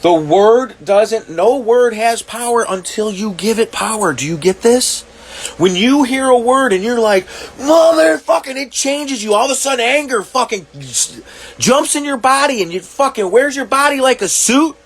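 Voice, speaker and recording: A man talking to camera, reacting to clips, swearing often and working out his thoughts aloud with halting restarts. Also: extremely high pitch, animated, fairly bright tone, a little hiss or hum. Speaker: commentary vlogger. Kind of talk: reaction monologue.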